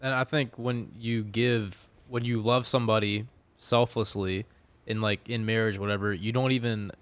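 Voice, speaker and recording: A man's voice: lowish voice, steady tone, normal speed, clear, resonant tone, dry recording. A man talking earnestly about faith and relationships in casual chat, rambling with many fillers. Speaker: podcast guest.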